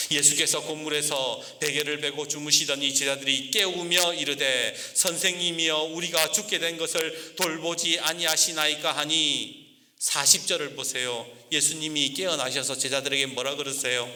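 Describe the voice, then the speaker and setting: A man's voice: medium pitch, bright, forceful tone. A male pastor preaching a dramatic sermon in a church, acting out scripture quotes. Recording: echoey church hall.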